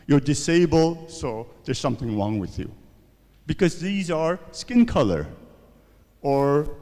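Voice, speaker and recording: Speaking in a big-sounding room, a seminar speaker lectures at a university in a warm, medium-pitched voice. He poses rhetorical questions and often checks in with "right?" and "okay?".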